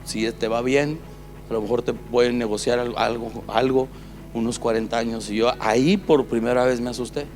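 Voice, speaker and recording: A Mexican man preaching his own testimony, storytelling with plenty of acted-out conversation. His voice sits at a middling pitch. Faint music plays beneath him. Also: fairly even intonation, normal speed, darkish tone. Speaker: pastor giving a testimony.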